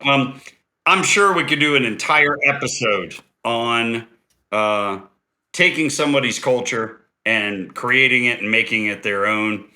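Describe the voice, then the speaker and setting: A man hosting a cocktail podcast, explaining drink history in a relaxed, rambling way. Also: mid-range voice, measured pace. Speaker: cocktail podcast host and bartender. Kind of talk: casual podcast chat.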